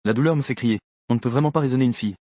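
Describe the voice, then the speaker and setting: A man narrating a first-person story for a comic dub with a rapid, even delivery. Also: mid-range voice, no room sound.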